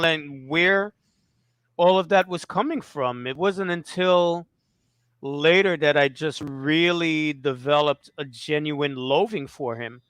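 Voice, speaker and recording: A man's voice: fairly high pitch, fairly bright tone, clean tone, dry recording. A man telling a story in casual conversation, laughing often, swearing and repeating himself.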